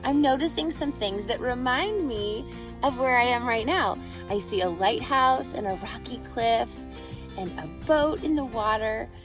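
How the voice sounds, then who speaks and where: Her voice leans high as she reads a picture book to children in her role as their teacher. Expressive and deliberate in her phrasing, she pauses periodically to ask her listeners questions.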